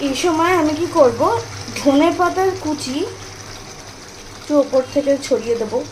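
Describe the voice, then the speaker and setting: A woman's voice: sits high, expressive, normal speed. A woman in her thirties with a Bengali accent, chatting through a home cooking vlog step by step. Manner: chatty, explaining step by step to viewers. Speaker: vlogger. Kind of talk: casual cooking vlog narration. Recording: noisy home video with clear background noise.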